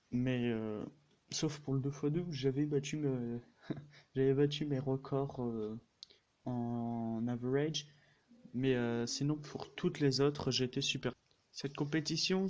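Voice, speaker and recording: A man's voice: medium pitch, a little mellow. A man from France introducing his speedcubing channel in a casual talk, hesitating often and correcting himself. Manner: hesitant, with frequent fillers and self-corrections. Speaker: speedcubing YouTuber.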